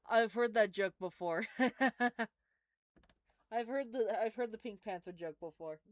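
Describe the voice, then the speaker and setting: A woman's voice: mid-range voice, smooth, no room sound. A young woman chatting casually on a live stream, answering chat in a rambling way with lots of fillers.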